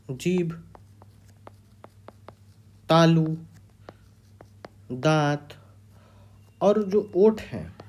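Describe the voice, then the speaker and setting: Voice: medium pitch, a little mellow. A teacher giving an exam-prep grammar lecture, repeating key terms and quizzing the students.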